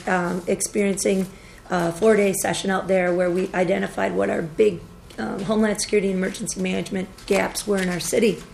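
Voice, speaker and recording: A woman with a cold and a hoarse voice, giving formal testimony to a committee as a deputy director of emergency management, in an earnest, steady briefing style with frequent fillers. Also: medium pitch, a little hiss or hum. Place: government committee hearing room.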